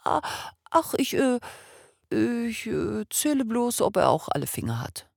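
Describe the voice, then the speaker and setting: A woman voicing an excitable male water sprite, a new father who breaks into high cries. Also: a little slow, creaky, no room sound, studio quality, full character voice. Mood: eager.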